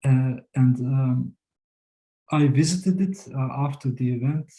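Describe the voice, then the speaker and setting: A tired man from Serbia giving an academic presentation, halting with many restarts and fillers, and low on energy. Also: warm tone, low-quality recording. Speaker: guest speaker.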